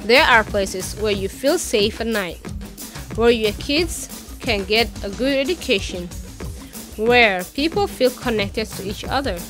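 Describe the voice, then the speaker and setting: A woman narrating a documentary from a script, with a clear, measured delivery. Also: on the high side, lively intonation, a bit bright. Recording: narration over music.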